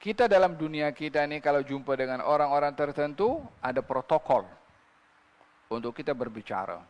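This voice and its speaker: A man's voice: a little high, brisk, in a large hall, muffled recording. A man preaching a religious sermon, reciting scripture in Arabic and asking his listeners rhetorical questions.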